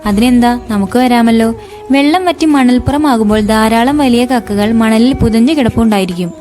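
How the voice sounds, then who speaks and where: A young woman, an older sister carrying a deep grief, earnest and emotional, as a woman voices her in a spoken story. The voice is high with a mellow softness. Faint music sits underneath. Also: moderate pace, close to an everyday voice. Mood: gentle.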